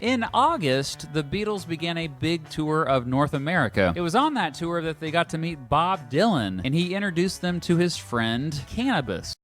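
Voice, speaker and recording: A man's voice: a little high, expressive, moderate pace, few pauses, fairly bright tone. A man delivering scripted documentary narration about music history, with emphatic, punchy phrase endings.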